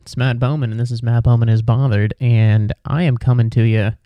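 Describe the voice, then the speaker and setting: A man hosting his own casual podcast from home, talking quietly and chattily, rambling and correcting himself. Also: medium pitch, fairly even intonation, a little fast, no echo, dull audio. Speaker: podcast host. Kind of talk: casual solo podcast monologue.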